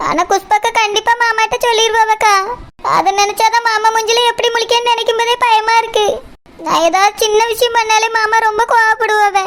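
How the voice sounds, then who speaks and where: A woman's voice: very high voice, level tone, a little fast, a bit bright, a little hiss or hum. A woman voicing an anxious young married woman in a cartoon, pleading and fearful.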